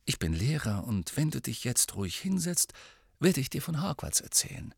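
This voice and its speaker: A man reading an audiobook voices a patient, kindly old wizard teacher who speaks calmly and softly. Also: mid-range voice, moderate pace, gravelly, slightly rough, no room sound, studio quality, pitched above the performer's own voice, heavily acted. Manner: calm, gentle and soft-spoken.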